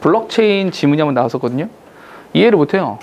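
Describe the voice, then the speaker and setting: Guy teaching english at a cram school, super lively voice, joking around and slangy, keeps asking okay. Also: fairly high pitch, fast, highs cut off. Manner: playful, slangy, acts out little skits with students; checks in with students constantly. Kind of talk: lecture to high school students.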